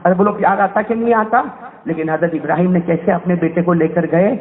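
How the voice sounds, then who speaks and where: A man's voice: sits high, fairly even intonation. A male Islamic preacher telling a story in an emotional sermon, fervently quizzing his audience. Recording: tinny phone-like sound.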